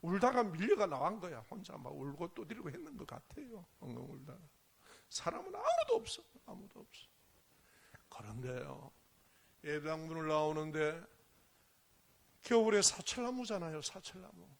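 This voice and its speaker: Male pastor, high and lively voice, testimony sermon told dramatically with whispers and loud bursts. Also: moderate pace, gravelly.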